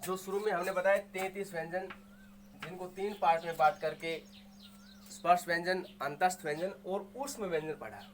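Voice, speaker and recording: A man whose voice sits high and stays steady in tone explains Hindi grammar to students at a normal speed. He sounds out words one by one, repeats them with patience, and asks himself questions before answering. A faint hiss or hum runs under the recording.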